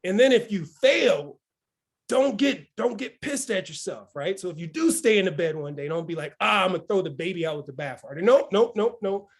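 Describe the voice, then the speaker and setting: Here a man near fifty runs an upbeat morning motivational session in a high voice, moving fairly quickly. He punctuates his talk with frequent "right?" check-ins.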